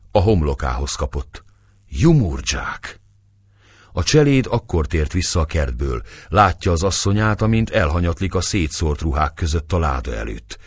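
A man narrating an audiobook in an expressive, dramatic way. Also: sits low, slightly rough, no room sound.

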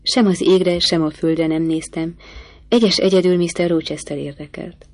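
A woman reading a novel aloud in the first person, with measured, expressive storytelling. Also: fairly low pitch, no echo. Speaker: audiobook narrator. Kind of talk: first-person literary narration.

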